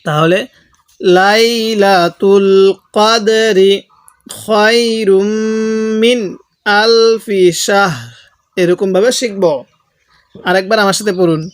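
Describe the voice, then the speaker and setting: A man with a Bangladeshi Bengali accent teaching Quran recitation, stretching out each chanted phrase and then explaining the rules in quick, plain speech. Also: high voice, no room sound, clean studio sound. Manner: alternates drawn-out melodic recitation with brisk spoken instruction. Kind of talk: tajweed lesson, slow chanted recitation between quick explanations.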